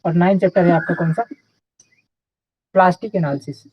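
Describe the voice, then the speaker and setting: A man's voice: sits high, normal speed, darkish tone, dry recording, low-quality recording. A young man teaching a live online class in a casual, chatty way, often checking in with his students.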